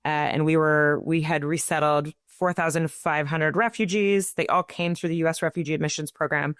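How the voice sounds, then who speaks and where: A woman's voice: low-pitched, steady tone, moderate pace, clean tone, dry recording. Earnest woman explaining, dry sound. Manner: earnest, explanatory, with frequent fillers and restarts. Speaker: nonprofit director, guest. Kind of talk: interview answers.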